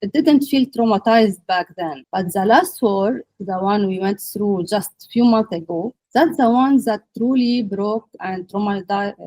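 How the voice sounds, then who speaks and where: A woman from Lebanon in her thirties, a podcast guest speaking haltingly with many fillers. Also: medium pitch, warm tone, no room sound, low-quality recording. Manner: hesitant, with many pauses and fillers. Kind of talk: podcast interview.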